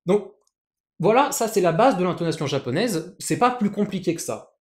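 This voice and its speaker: In a room with noticeable echo, a teacher explains a language lesson through written examples, patiently repeating words and starting phrases over. Their pitch is middling, the intonation lively, and the pace moderate.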